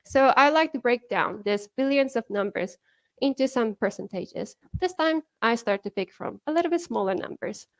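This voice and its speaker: In a conference hall, a woman from Japan speaks with a Japanese accent at a moderate pace, her voice a touch high and expressive. Her talk is conversational and packed with fillers such as "like" and "you know," punctuated by frequent laughter.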